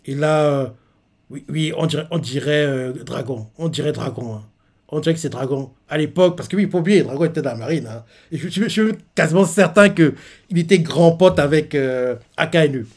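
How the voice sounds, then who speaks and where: A man's voice: fairly high pitch, a little fast. A man reading a manga chapter live and reacting in a chatty way, full of fillers and speculation.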